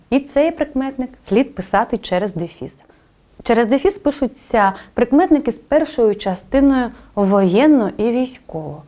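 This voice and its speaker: A woman teaching a spelling lesson, explaining rules clearly and speaking directly to the student. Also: on the high side, dark tone, highs cut off.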